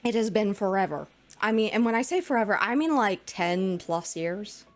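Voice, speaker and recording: An expressive woman in her twenties chats at normal speed with her live-stream audience while soft music plays. She's a VTuber masking her low voice with a lighter, feminine one, full of rambling, fillers and giggles.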